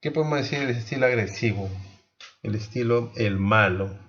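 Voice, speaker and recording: A man teaching a class, explaining slowly, asking the students questions and restarting his sentences often. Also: medium pitch, a bit bright, highs cut off. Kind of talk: online class lecture.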